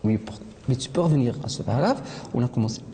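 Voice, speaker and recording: Low-voiced woman teaching a class. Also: big pitch swings, fast talker. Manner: questioning, corrects pronunciation, repeats answers. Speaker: French teacher. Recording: echoey classroom with loud noise.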